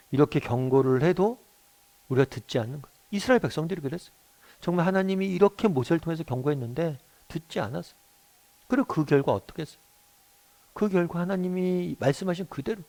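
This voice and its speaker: A man's voice: on the high side, darkish tone. A middle-aged male pastor giving a morning devotional sermon, earnest, often putting questions to his listeners.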